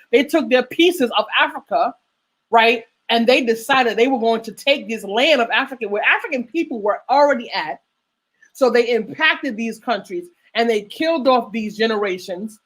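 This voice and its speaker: A middle-aged woman with a fairly high pitch hosts a radio talk show at normal speed. Her passionate discussion is emphatic and lecturing, and she repeats phrases to give them weight.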